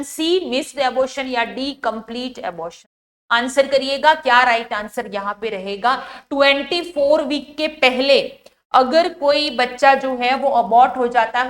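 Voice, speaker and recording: A woman with a Rajasthani Hindi accent giving an exam-prep lecture as a nursing tutor, explaining step by step and often asking students to answer, with many fillers. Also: sits high.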